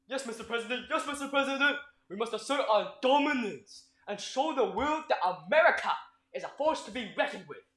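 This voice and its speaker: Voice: mid-range voice, animated, brisk, a bit bright, roomy sound, voice pushed up, lightly acted. An amateur performer playing a nervous, deferential presidential adviser in a comedy skit. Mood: hesitant. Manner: hesitant, deferential.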